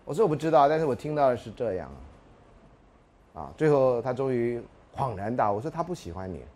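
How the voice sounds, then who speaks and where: A man lecturing on sociology in a classroom. He talks quickly and his pitch leaps around as he acts out dialogue from his stories, throwing in rhetorical questions to the class. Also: expressive, darkish tone.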